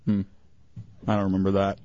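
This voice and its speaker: A man's voice: sits low, completely flat delivery, fairly quick, mellow, dry recording. A man co-hosting a talk radio show, teasing and sarcastic, throwing in jokes. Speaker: radio co-host. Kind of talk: casual talk radio banter. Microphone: studio broadcast mic. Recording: dull lo-fi radio broadcast.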